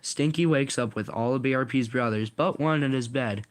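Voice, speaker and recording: A man's voice: mid-range voice, moderate pace, dry recording. A man reading his own story aloud in a casual way, sometimes stumbling and correcting himself.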